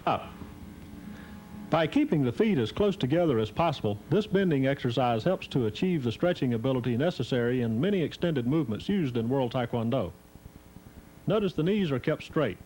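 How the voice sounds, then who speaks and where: A man giving a measured, formal instructional voice-over, heard from a worn VHS tape copy. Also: mid-range voice, animated, a little mellow, slight background noise, low-quality recording. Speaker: narrator.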